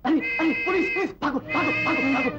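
A man's voice: very high voice, quick pace. An actor playing a childish, cruel male bandit chief who giggles, repeats words and taunts people, in a 1970s film. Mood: gleeful menace. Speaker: bandit leader. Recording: dull 1970s film soundtrack with music.

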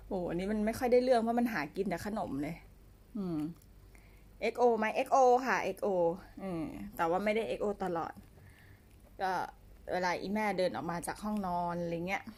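A woman's voice: mid-range voice, a little fast, a little mellow. A woman chatting casually on a home live stream, coaxing and baby-talking her pets. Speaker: pet owner streaming live to fans. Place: home condo room.

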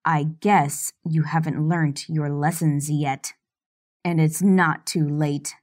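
A woman's voice: sits low, fairly even intonation, takes it slowly, a little mellow, pitched below the performer's own voice. A woman voicing a cold, domineering rich young man who speaks in icy, clipped commands, in an audiobook. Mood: cold commanding.

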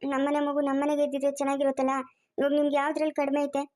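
A woman with a rural Karnataka Kannada accent talks fast in a fairly high voice. She scolds and coaxes in plain everyday speech, as in an acted family drama. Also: completely flat delivery, darkish tone. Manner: quick, scolding and coaxing colloquial talk.

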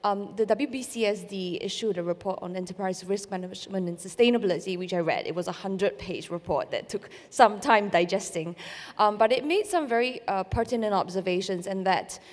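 A woman's voice: medium pitch, fairly quick, a little mellow. A woman moderating a panel discussion, speaking politely and conversationally into a handheld microphone with occasional fillers. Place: conference stage with a live audience. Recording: reverberant conference hall.

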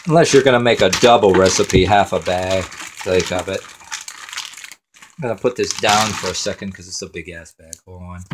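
A man's voice: lowish voice, noisy background. A man hosting a home cooking show in his kitchen, rambling and swearing casually to himself as he works.

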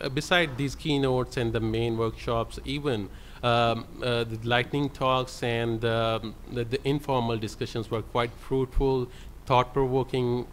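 Speaking from a conference hall panel table, a man who works as a librarian gives a panel presentation through a table microphone. He has a mid-range voice and sounds hesitant, leaning on many fillers, with slight background noise present.

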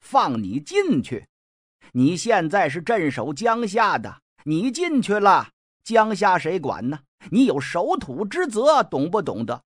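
A blustering middle-aged general, played by a male storyteller, threatens. His pitch leaps up and down. The recording is dry and close. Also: big pitch swings, moderate pace, no echo. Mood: bullying.

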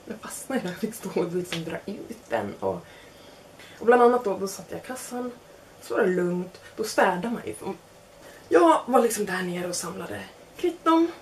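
A young woman at medium pitch tells a casual anecdote that mocks herself, with slight background noise. She stays animated throughout, performing the other people's words as she quotes them.

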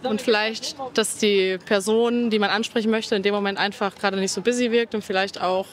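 Measured, polite young woman. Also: medium pitch, fairly even intonation. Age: young adult. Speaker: passer-by interviewee. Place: busy city shopping street outdoors. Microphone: handheld microphone held by interviewer.

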